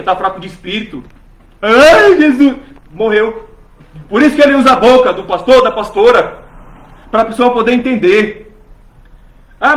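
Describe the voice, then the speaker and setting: Fervent high-voiced male preacher, echoey church. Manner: fervent, rhetorical questions, voices imagined churchgoers. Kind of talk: sermon.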